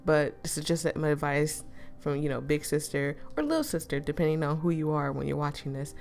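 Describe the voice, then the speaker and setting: A woman's voice: low-pitched, little pitch movement, brisk, vocal fry, a little mellow. A woman with a cold and a swollen, congested throat, chatting casually and playfully as she hosts a story read-aloud. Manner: playful, self-interrupting, teasing the audience. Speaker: host reading a story aloud.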